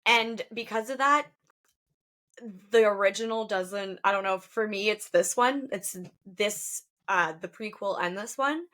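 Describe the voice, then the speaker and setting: A woman's voice: mid-range voice, measured pace, fairly bright tone. A woman in her thirties co-hosting a casual podcast, chatty and full of "like" fillers. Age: 30s. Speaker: podcast co-host. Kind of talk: casual horror movie chat.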